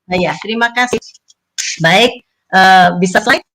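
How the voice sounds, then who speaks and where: A woman's voice: medium pitch, measured pace, bright, forceful tone, no room sound. A woman nutritionist presenting with slides over an online call, her audio choppy and glitchy, cutting in and out. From Indonesia. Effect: choppy glitchy audio dropping out over an online call. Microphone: remote call connection.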